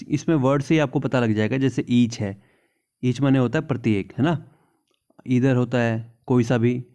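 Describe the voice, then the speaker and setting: A man teaching an English grammar lesson in Hindi. He reads the English examples slowly and keeps checking in with "theek hai na". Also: medium pitch, warm tone.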